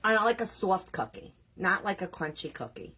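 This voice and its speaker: Woman, New York accent, husky voice, chatty host of a crafting stream. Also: fairly low pitch, very animated, moderate pace, sharp tone. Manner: chatty, scattered, self-deprecating, reads viewer names aloud. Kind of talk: casual chat with live viewers while crafting.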